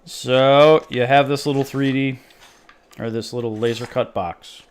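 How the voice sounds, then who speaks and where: A man's voice: mid-range voice, steady tone, a little slow, clear, resonant tone. A man hosting a live stream, chatting casually and joking with viewers while he tinkers with a homemade project. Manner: rambling, jokey, talks to chat while tinkering.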